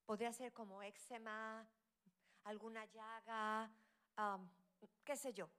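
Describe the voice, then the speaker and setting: A woman, middle-aged, preaching a sermon, her delivery swinging between loud cries and hushed whispered asides. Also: a little high, steady tone, slow pace, clean tone.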